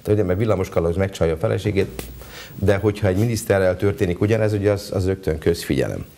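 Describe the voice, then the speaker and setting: A low, mellow-voiced man talks eagerly and at length in a relaxed studio chat. His dark, warm tone carries his enthusiasm for the stage. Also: vocal fry, slight background noise. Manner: enthusiastic, describes plays at length. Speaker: theater artistic director. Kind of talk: casual talk-show chat.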